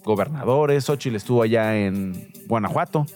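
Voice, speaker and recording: A man's voice: lowish voice, normal speed, soft background music. A man hosting a radio show with a Mexican Spanish accent, joking and teasing in casual banter. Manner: playful, teasing, lively banter.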